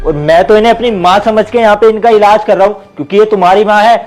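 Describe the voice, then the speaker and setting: A man's voice: high-pitched, fairly even intonation, fast talker, soft background music, natural voice, low-quality recording. A man playing a proud, touchy fake family doctor who indignantly lectures about trust and honour. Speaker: actor in a web drama. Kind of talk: dramatic dialogue.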